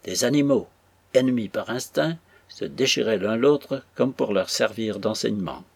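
Husky-voiced male audiobook narrator. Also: on the low side, dry recording. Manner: measured, expressive reading. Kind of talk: literary audiobook reading.

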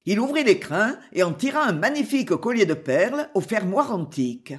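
A narrator reading a classic novel aloud in a slow, expressive storytelling manner. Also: medium pitch. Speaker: audiobook narrator. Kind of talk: scripted literary narration.

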